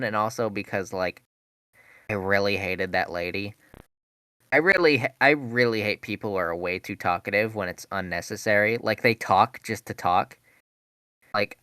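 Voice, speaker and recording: Young man, deep smooth voice, rambling. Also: sharp tone, no echo. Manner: rambling, profane, laughing storyteller. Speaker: podcast host. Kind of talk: casual chat.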